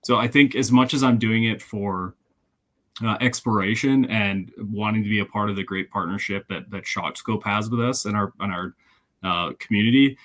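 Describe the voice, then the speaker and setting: Man from Ohio, low voice, podcast host, rambling, self-deprecating. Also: normal speed, a bit bright. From Ohio, USA. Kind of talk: casual podcast chat.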